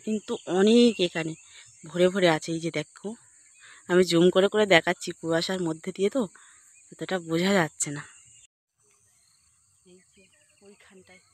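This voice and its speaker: A woman from West Bengal chatting to her viewers outdoors on a foggy morning, often dropping to a hushed voice. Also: on the low side, fairly even intonation, moderate pace, long pauses. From West Bengal, India. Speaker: vlogger. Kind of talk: casual vlog narration to viewers.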